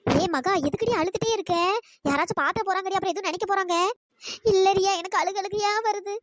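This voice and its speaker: Woman doing a bossy cartoon best friend, high fast chatter, nags and coaxes. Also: no room sound. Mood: scolding. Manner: scolding, coaxing. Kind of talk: cartoon storytelling voice.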